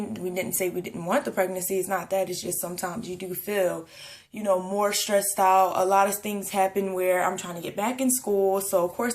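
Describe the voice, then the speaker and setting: A young woman talking casually to her camera in a rambling pregnancy vlog, full of fillers and a little out of breath. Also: mid-range voice. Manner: chatty, rambling, many fillers. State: a bit out of breath. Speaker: vlogger. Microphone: camera at close range.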